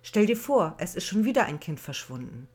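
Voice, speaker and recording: A woman's voice: fairly low pitch, very animated, fairly quick, a little mellow, breathy edge. A woman voicing an anxious, caring mother who lectures her daughter, in a storybook reading. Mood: worried. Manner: anxious, admonishing. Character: worried, caring middle-aged mother.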